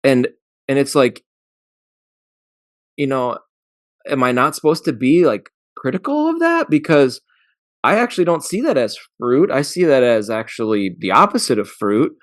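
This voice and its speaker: Man, podcast co-host, reflective and probing, medium pitch, dry close mic. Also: sing-song, normal speed, long pauses, no echo. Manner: thoughtful, searching, restarts and questions himself. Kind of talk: casual discussion of scripture.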